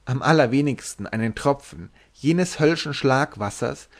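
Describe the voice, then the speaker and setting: A man's voice: medium pitch, expressive, normal speed. Tipsy tall sailor, formal and long-winded, read by a male audiobook narrator. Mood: courtly protest. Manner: ornate, courtly refusal.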